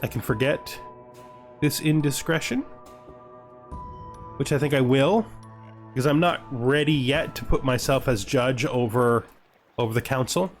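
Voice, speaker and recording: With faint music behind him, a man of medium pitch comments on a game he's playing, speaking a little slowly and leaving long pauses. His casual let's-play style mixes short spoken thoughts, first-person role-play, and occasional reading of game text.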